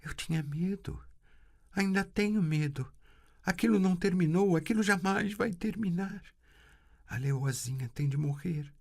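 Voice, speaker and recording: A man's voice: high-pitched, unhurried, creaky, pitched above the performer's own voice, heavily acted. A man voicing a young girl in a trance who cries out in panic and pleads. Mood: panicked.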